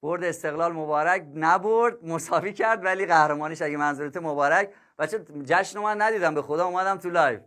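A man's voice: a little high, hardly any pauses, a bit bright. A male math teacher chatting casually with his students on a livestream, joking and laughing and calling them kids and dear ones. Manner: chatty, jokes and laughs with viewers.

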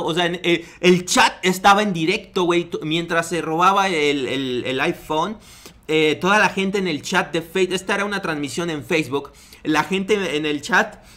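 A man's voice: a little high, bright, forceful tone. A young man with a Mexican accent giving crude, slangy, mocking commentary on a video. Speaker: online commentator.

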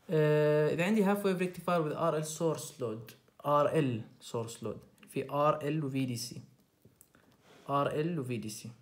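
Fast-talking young Jordanian tutor. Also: male voice, on the high side. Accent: Jordanian Arabic. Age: young adult. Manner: asks quick questions and answers them himself, repeats key points. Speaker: student tutor. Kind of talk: recorded lecture explanation.

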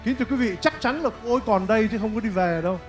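A man's voice: sits high, racing, soft background music. A man co-hosting a pageant on stage, speaking formally to the audience with playful jokes. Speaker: pageant co-host. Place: live event stage.

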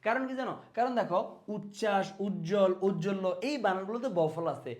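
An energetic male teacher with a Bangladeshi Bengali accent, talking quickly and in a high voice. He drills spellings by repeating them and keeps asking questions that he answers himself. He is recorded on a close mic. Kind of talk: spelling lesson for exam students.

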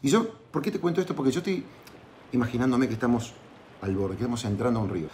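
A man's voice: medium pitch, fast, warm tone, slight background noise. Argentine man telling a motivational story. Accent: Argentine Spanish. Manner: conversational, with frequent tag questions and restarts. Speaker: entrepreneurship podcaster.

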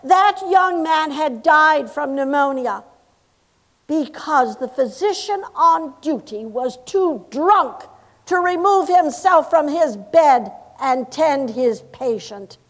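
A high-voiced, earnest 1860s lady, the wife of a governor, played by an actress in a live reenactment, recounts her cause in solemn, impassioned oratory. She speaks slowly and deliberately, stressing each grim detail. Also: expressive, exaggerated voice. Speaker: historical reenactor. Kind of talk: first-person historical monologue.

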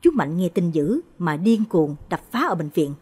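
A woman narrating a late-night horror story with a husky voice. Her pitch swings widely as she tells it with drama and expression. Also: big pitch swings, normal speed, darkish tone.

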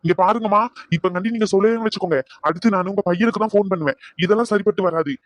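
A man's voice: high-pitched, dry recording, natural voice. A man voicing a stern adult son in a cartoon, who demands answers firmly. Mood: demanding. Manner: firm, demanding, quick. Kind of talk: cartoon voice acting.

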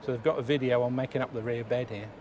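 Talking very fast in a fairly even, medium-pitched voice, this man gives a casual tour of a motorhome at an indoor show, musing aloud with mild, chatty comments. He's a motorhome vlogger, and the lo-fi audio comes from a handheld camera mic in a noisy exhibition hall.

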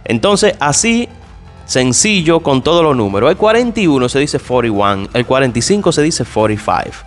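A man teaching an English lesson in Spanish, explaining step by step and asking and answering his own questions. He talks directly to his listeners and drops to a lower, softer voice for each English example. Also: sing-song, normal speed, soft background music. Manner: addresses listeners directly and informally. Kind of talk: spoken language lesson.

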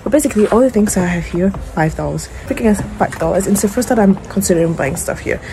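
A woman's voice: mid-range voice, animated, fast talker, noisy background. A young woman chatting casually to her phone camera in a vlog, tired with a groggy morning voice, swearing lightly and poking fun at herself. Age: young adult. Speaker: vlogger. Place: bedroom at home, indoors. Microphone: phone held at arm's length.

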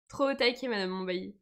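High-voiced, slow-talking tired teacher woman. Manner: patient, encouraging, reads comments aloud. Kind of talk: live online French lesson.

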